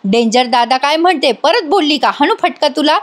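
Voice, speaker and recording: A woman's voice: high-pitched, normal speed, pitched above the performer's own voice. A woman voicing a fussy middle-aged mother who scolds her daughter in a recap of a TV serial. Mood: scolding. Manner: scolding, excitable.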